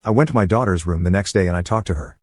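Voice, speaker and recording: A man with a lowish voice narrates a reddit story in a steady, matter-of-fact read. The sound is close and dry, with no room around it. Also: rapid-fire, slightly rough, dry recording.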